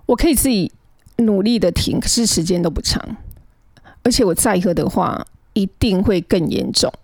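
A woman's voice: medium pitch, animated, normal speed, creaky, a little mellow, slightly rough, no echo. A middle-aged woman, earnestly recounting her own past as a guest and often stammering as she restarts her sentences. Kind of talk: emotional personal storytelling.

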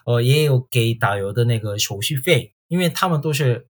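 Using simple, halting Mandarin marked by his Korean accent, a South Korean tour guide casually responds to interview questions as a foreign speaker of the language. His voice is medium-pitched and expressive.

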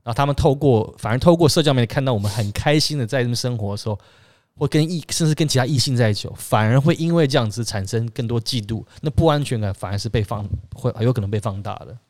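A man's voice: mid-range voice, quick pace, a little mellow, no room sound, clean studio sound. A man with a Taiwanese accent hosting a casual discussion, explaining in a rambling way and often restarting his phrases. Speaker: talk show host.

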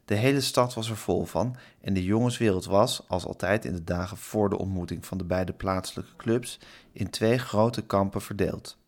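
A man who works as an interviewer takes a turn as guest reader. He reads a chapter of a children's novel in a plain, conversational way. His voice sits somewhat low. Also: moderate pace. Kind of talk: reading a children's novel aloud.

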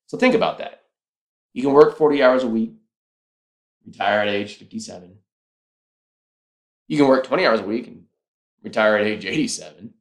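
Low-voiced man persuading on a podcast. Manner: earnest, persuasive, walks through math step by step. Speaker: podcast host. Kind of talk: casual solo podcast talk.

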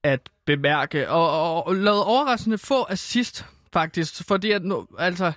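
A man's voice: high voice, animated, fairly bright tone, no room sound, studio quality. A man talking football on a radio show, casual and hesitant with many ums. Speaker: football pundit.

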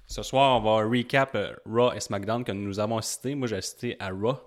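Male podcast host, Quebec French accent, lowish voice, quick casual delivery over an online call. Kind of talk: casual chat.

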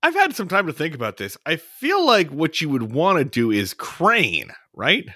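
A man co-hosting a comedy podcast, his voice pitched a little high and swinging animatedly up and down. The sound is close and dry as he riffs playfully. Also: huge pitch swings, normal speed, sharp tone, no echo. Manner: playful, bursts into silly voices. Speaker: podcast co-host. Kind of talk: casual comedic chat.

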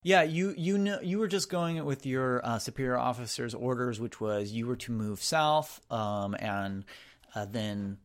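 A man's voice: medium pitch, unhurried. Casual man running a tabletop game. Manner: casual, rambling with fillers and restarts. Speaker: game master. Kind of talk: narrating a tabletop role-playing game.

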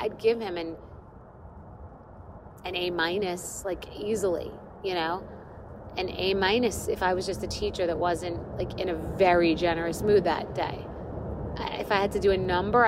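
A middle-aged woman hosting a podcast, telling a self-mocking story in a casual, animated rant with quick asides. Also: medium pitch, noisy background. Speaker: podcast host.

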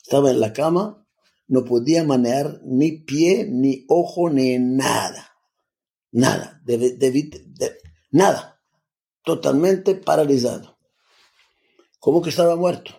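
Older man telling his story, halting. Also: mid-range voice, vocal fry, warm tone. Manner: halting, restarts often, salty slang. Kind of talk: personal storytelling, casual.

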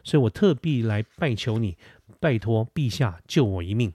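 A man's voice: medium pitch, expressive, moderate pace, warm tone, slightly rough, no room sound. Man doing a dragon king, formal and pleading, desperate, dry close voice, storybook retelling. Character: proud male dragon king, now desperate. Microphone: close studio microphone.

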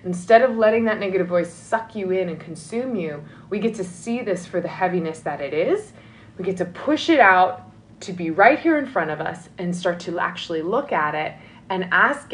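Earnest woman coaching, lower voice. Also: slight background noise, poor audio. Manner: earnest, coaching tone, often adds "right?". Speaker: love and dating coach. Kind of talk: motivational podcast monologue.

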